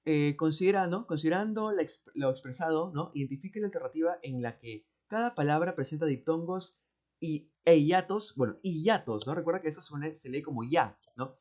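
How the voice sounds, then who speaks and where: A man with a Peruvian accent explains exam answers step by step, speaking slowly, repeating words and often checking with "¿no?" or "¿cierto?". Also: fairly high pitch, animated, a little mellow. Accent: Peruvian Spanish. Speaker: teacher. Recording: dull, muffled audio.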